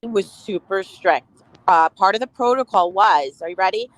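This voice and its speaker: On a remote video call plagued by a bad connection, a woman from reality TV chats as a guest in a casual interview, emphatic and laughing often. Her voice sits in the mid range at a moderate pace. The recording is low quality.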